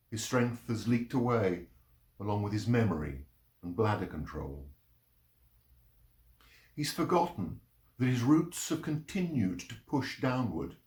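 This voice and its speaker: A man reads poems and short stories aloud, performing the narration in a measured, expressive storytelling style. His voice is fairly low and he speaks slowly. The recording is roomy, with an echoing sound.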